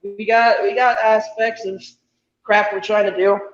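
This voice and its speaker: A man's voice: high-pitched, level tone, measured pace. Young man echoing as if inside a well. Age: 20s. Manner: self-deprecating, rambling. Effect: echoey sound as if inside a well. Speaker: livestream guest. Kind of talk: casual chat. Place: hotel room on weak Wi-Fi. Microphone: video call. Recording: echoey, dull lo-fi call audio.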